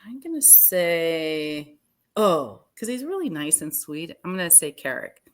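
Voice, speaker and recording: Female sports-show co-host, lowish voice, highly expressive, casual rapid-fire Q&A banter, thoughts that trail off.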